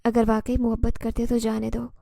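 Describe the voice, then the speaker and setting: A woman's voice: on the high side, completely flat delivery, vocal fry, warm tone, no echo, clean studio sound. A woman voicing a frightened but defiant young woman who pleads and protests in a horror story. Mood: pleading.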